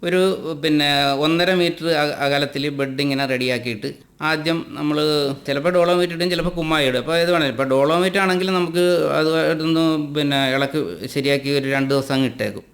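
A man from Kerala, a farmer guest with a Malayali accent, explaining his methods in plain, unhurried interview talk with some hesitations. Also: on the high side, a bit bright. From Kerala, India.

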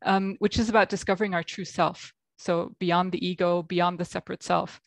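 This guest coach, a woman from Belgium who sounds American, speaks in a lowish, creaky, flat voice at ordinary speed. She's being interviewed over video from a home room, musing aloud with frequent ums, and the sound is echo-free.

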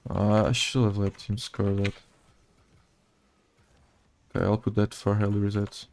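Speaking a little slowly, this Portuguese-accented gamer chats casually over footage of his own play. He has a soft, mellow, lowish male voice and a flat, low-key delivery, like he's half talking to himself.

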